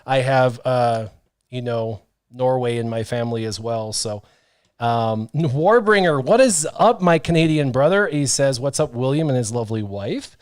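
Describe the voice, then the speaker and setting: A man's voice: mid-range voice, lively intonation, normal speed. Man in his thirties, livestream host, reads chat comments aloud, self-deprecating jokes, casual banter, mid-range voice, close studio mic, dry room with no echo. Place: small home studio room. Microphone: studio mic with headphones.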